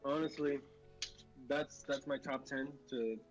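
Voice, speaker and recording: A man's voice: medium pitch, steady tone, a little slow, dull audio, faint music behind. A man chatting casually about video games as co-host, rambling with many fillers and restarts. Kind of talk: casual gaming chat.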